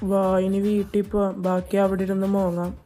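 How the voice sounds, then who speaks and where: A woman's voice: medium pitch, level tone, brisk, mellow, soft background music. A woman reading a fan fiction audio drama, playing every role in teasing, bantering dialogue.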